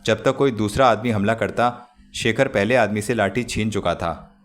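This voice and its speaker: Low-voiced male audiobook narrator. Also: moderate pace, faint music behind. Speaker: audiobook narrator and channel host. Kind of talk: audiobook narration of a romance novel.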